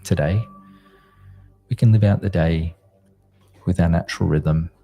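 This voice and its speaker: A man with a very dark, relaxed voice and a creaky edge leads a guided meditation over music. He speaks like a sleep story narrator, gently and soothingly, leaving space between short phrases. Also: low-pitched, measured pace. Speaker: meditation guide, host of a live group session.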